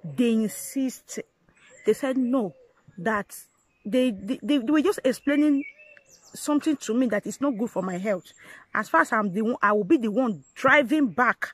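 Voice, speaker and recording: A woman vlogger earnestly recounting her life story to viewers, talking in halting phrases that she often repeats and restarts. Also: a little high, animated, breathy edge, no room sound, rough recording. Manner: earnest, addresses viewers directly. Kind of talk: personal storytelling to camera.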